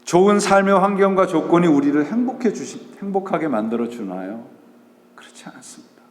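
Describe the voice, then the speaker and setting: A man's voice: high voice, big pitch swings, fairly quick. A male pastor preaching a Sunday sermon, asking rhetorical questions and answering them himself, and mixing English words into his talk. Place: church sanctuary. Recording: echoey church hall.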